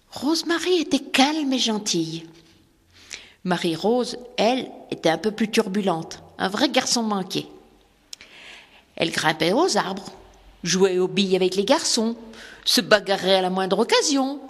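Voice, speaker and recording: A woman narrating a children's story in a lively, expressive way. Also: medium pitch, husky, long reverb tail.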